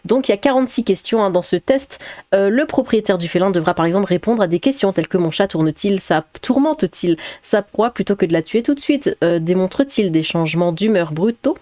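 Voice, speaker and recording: A woman's voice: mid-range voice, lively intonation, a little fast, warm tone, dry recording, studio quality. A woman chatting casually as a vlogger, laughing often, with many fillers and restarts. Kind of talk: casual chat, reading a quiz aloud.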